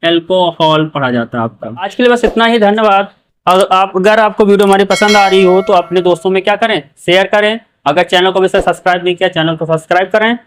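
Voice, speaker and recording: High, smooth-voiced male chemistry teacher. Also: fast talker, poor audio. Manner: asks questions and repeats answers. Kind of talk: classroom lecture.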